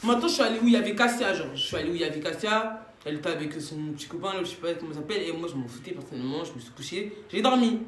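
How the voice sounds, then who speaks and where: Young woman, lively storyteller in a roomy space with faint noise. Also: on the low side, rapid-fire. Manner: animated, slangy, acts out quotes. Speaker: vlogger. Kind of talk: casual storytime. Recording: echoey room.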